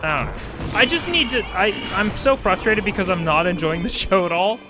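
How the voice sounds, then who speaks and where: A man's voice: high-pitched, lively intonation, normal speed. A man streaming a video game, chatting casually in a rambling, wry, sweary way. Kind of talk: casual game commentary and chat. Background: game music.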